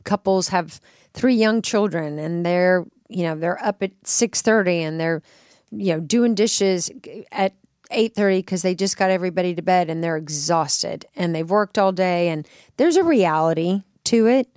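A middle-aged woman co-hosting a self-care podcast, talking earnestly and reflectively in a relaxed chat. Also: on the low side, no echo, studio quality. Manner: earnest, reflective, with drawn-out phrasing. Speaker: podcast co-host. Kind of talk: casual chat. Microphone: studio microphone.

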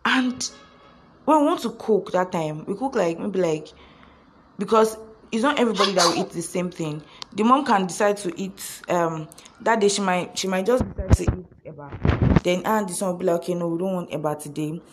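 A woman's voice: mid-range voice, expressive, moderate pace, background noise. A young woman with a Nigerian accent, telling a personal story to her viewers in a chatty, giggly way with local slang. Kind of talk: casual storytelling vlog.

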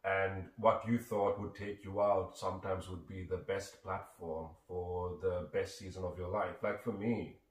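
A man's voice: low-pitched, little pitch movement, measured pace, hardly any pauses. A man from Sri Lanka, a guest talking earnestly and reflectively in a conversation. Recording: echoey room, distant mic.

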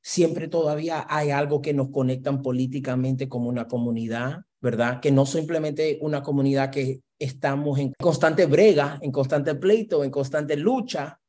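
A man with a medium-pitched, warm voice, from Brooklyn, New York, speaks Spanish with a Puerto Rican-influenced accent. He's an academic guest in an interview, answering reflectively, mixing English words into his Spanish and often closing phrases with "¿verdad?".

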